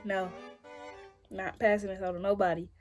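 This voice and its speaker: A woman's voice: mid-range voice, little pitch movement, moderate pace. A young woman chatting casually on video with strangers, blunt, slangy and full of swearing. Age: young adult. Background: music.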